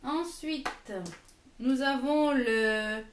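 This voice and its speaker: A woman's voice: high voice, extremely slow, echoey room, background noise. A French woman reviewing lipsticks in her own vlog, hesitant and full of fillers and repeated words. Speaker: beauty vlogger. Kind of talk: product review.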